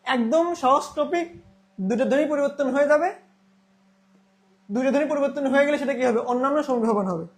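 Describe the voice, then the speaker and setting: A man's voice: very high-pitched, a little fast, pauses often. A young man teaching a Bangla grammar class, repeating key terms and asking then answering his own questions.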